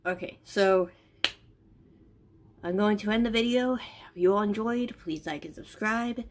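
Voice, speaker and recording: A young woman vlogger chats informally to the camera in a small bedroom. Her voice has an average pitch for a woman, and she is recorded at about arm's length. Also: a little slow, noisy background. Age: young adult. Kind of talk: casual chat to camera.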